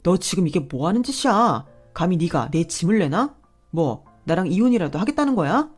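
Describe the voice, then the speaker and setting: A woman's voice: on the low side, very animated, fairly quick, a little mellow, soft background music. A woman voicing a brash, entitled young husband who talks back defensively and dismissively. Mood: indignant.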